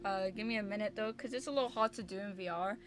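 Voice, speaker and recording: A woman's voice: mid-range voice, fast talker. A woman chatting casually on a livestream as a variety streamer, with a cute, bubbly, apologetic anime-streamer manner. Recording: music behind the voice. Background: music.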